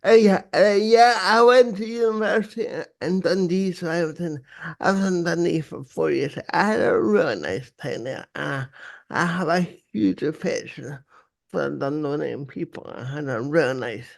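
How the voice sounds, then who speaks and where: An older man hosting a casual podcast interview in a halting, repetitive way. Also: on the high side, vocal fry. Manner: halting, hesitant, repeats words. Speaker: podcast host. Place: small home room, video call. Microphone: close desk microphone on arm.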